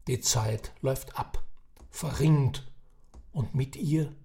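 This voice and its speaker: A man's voice: mid-range voice, slow pace, dark tone. A man narrating his own reflective text like an audiobook, musing and addressing the listener directly. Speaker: narrator and author.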